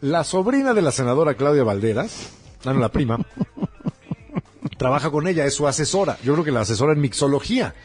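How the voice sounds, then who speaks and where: A Mexican man with a slightly high, husky voice co-hosts a comedy chat. His pitch swings widely as he teases and drops slang, and faint music plays behind him. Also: very animated, fairly quick, a little mellow. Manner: teasing, laughs often, slangy. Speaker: comedy show co-host.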